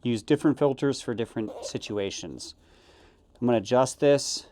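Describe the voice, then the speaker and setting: A man giving a casual, halting unboxing review, correcting himself as he goes. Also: mid-range voice, dark tone. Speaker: product reviewer. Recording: noisy, with crinkling packaging and clicks.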